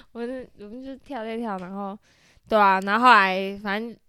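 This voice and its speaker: A woman in her twenties with a Taiwanese Mandarin accent, telling a story in casual chat, animated and full of laughter. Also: mid-range voice, normal speed, clear, resonant tone. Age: 20s. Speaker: podcast co-host.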